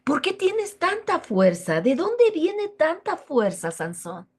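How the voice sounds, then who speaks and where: Woman putting on a coaxing scheming young woman, Mexican Spanish accent, sing-song pleading, slow drawn-out words, lively pitch. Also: slightly rough, heavily acted.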